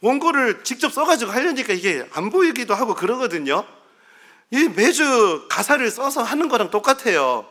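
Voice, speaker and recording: A man's voice: extremely high pitch, big pitch swings, normal speed, bright, forceful tone. A middle-aged male pastor preaching a sermon, telling humorous, self-deprecating stories to his congregation.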